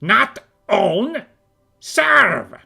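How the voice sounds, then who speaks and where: A woman playing a small, curt, shifty kobold servant in a fantasy video game, speaking raspily in clipped broken bursts. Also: fairly high pitch, sing-song, drawn-out words, pushed and bright, full character voice. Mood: defensive, curt. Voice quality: raspy, creaky.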